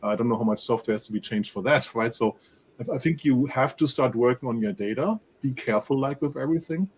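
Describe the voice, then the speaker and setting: A man with a German accent speaking as an analyst guest in a panel discussion, animated and peppering his points with rhetorical tag questions. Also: mid-range voice, fast, slight background noise. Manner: animated, rhetorical "right?" tags.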